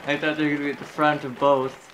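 A man's voice: a little high, level tone, fast talker, noisy background. A young man casually commenting on a game he plays, profane and joking. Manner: casual, profane, laughing banter. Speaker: gamer playing a let's play. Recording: game music under the commentary.

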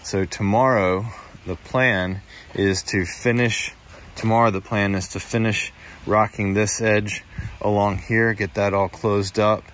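A man's voice: lowish voice, steady tone, measured pace, fairly bright tone, low-quality recording. A man giving a casual walkthrough of a backyard pond build, talking plainly and explaining as he goes. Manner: plain, explanatory, loose restarts. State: out of breath. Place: outdoor backyard construction site. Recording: outdoor recording with wind noise.

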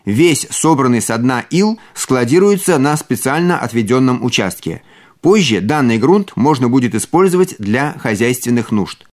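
A male journalist reading a regional news item in an even, formal manner. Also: mid-range voice.

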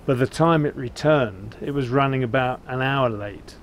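Older english guy vlogging outside, chatty n unhurried, medium pitch, bit of background noise. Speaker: vlog host. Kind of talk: casual chat to camera, recounting a trip. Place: outdoors, seated beside a narrowboat. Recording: clear outdoor ambient noise.

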